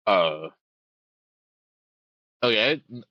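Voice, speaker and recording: A man playing in a tabletop game, making deadpan jokes in and out of character. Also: fairly low pitch, extremely slow, dry recording. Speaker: player. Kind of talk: tabletop role-play. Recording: dull lo-fi mic, dry.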